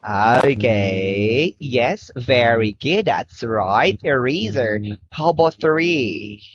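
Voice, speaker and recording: A woman with a Filipino accent teaching English online to a young child. She speaks slowly and clearly, coaxing the child along and praising every answer. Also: a bass voice, expressive, lo-fi sound. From Philippines. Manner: slow, clear, cheerful coaxing with frequent praise.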